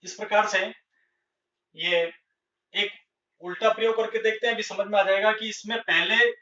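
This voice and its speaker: A man teaching a grammar lesson at a board, speaking slowly and deliberately and repeating each example word. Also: sits high, fairly even intonation, bright, forceful tone. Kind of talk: blackboard Hindi grammar lesson. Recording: echoey room, distant lo-fi mic.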